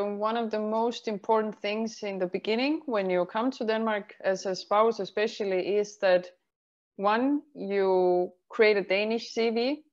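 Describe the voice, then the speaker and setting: A woman from Estonia, a career advisor answering interview questions in a measured way, explaining things step by step. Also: medium pitch. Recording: slightly muffled sound.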